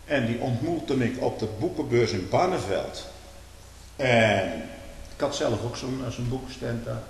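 A man giving a sermon, swinging between loud emphatic declaiming and low conversational asides. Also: unhurried, gravelly, a little hiss or hum. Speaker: preacher. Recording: reverberant hall.

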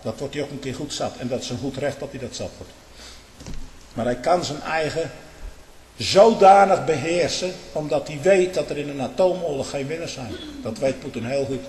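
A man preaching in an impassioned, emphatic way, jumping from loud outbursts to low, muttered asides. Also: brisk, slight background noise. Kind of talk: impassioned sermon-style monologue. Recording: echoey hall with long reverb.

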